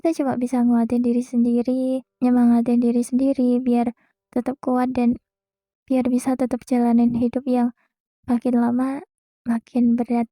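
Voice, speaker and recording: A young woman hosting a podcast, speaking a gentle, reassuring monologue straight to the listener. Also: a little high, monotone, moderate pace, long pauses, no room sound. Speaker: podcast host. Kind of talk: soft comforting monologue.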